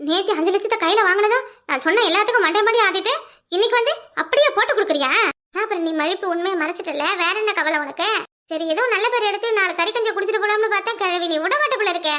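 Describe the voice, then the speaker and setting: A shrill, scheming old mother-in-law from a village cartoon, played by a woman. She scolds in a Kanyakumari Tamil accent, very high-pitched, quick and bright. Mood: scolding.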